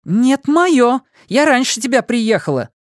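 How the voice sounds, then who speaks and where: A stubborn, fiery young policewoman, as a male narrator puts her on, in an audiobook. Her voice is raised high and sharp, and she talks in an insistent, indignant way. It is recorded close and dry. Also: very animated, a little slow, no room sound.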